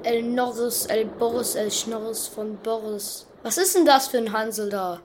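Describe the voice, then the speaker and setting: A woman acts a flippant young deckhand boy in a pirate audio drama. The voice is very high and childish, with a bratty, cheeky delivery over slight background noise. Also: unhurried, darkish tone, lightly acted. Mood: mocking.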